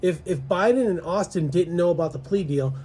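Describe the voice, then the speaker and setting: High-voiced American man, sarcastic political co-host. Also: brisk, dark tone, slightly rough. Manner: sarcastic, rhetorical questioning. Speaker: co-host of a political commentary show. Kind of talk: casual political commentary. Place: outdoors in a backyard. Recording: faint background noise, outdoor backyard ambience.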